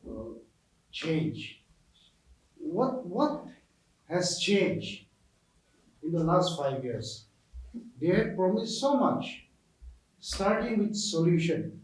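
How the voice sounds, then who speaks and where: Emphatic politician, high, slow. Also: male voice, darkish tone. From Nagaland, India. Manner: emphatic, rhetorical questions, repeats himself. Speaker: opposition party politician. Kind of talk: press conference statement. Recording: echoey room.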